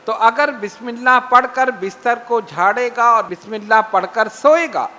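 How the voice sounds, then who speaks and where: A man preaching with a very high, bright voice. He delivers slow, emphatic lines and recites hadith. His voice echoes with a long reverb. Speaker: Islamic preacher. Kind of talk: sermon.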